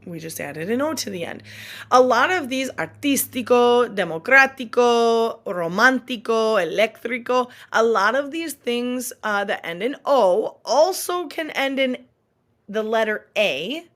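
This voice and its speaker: A woman's voice: a little high, big pitch swings, a little slow. A woman who is a Spanish teacher and a mother, speaking in a recorded online lesson and patiently repeating example words. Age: adult.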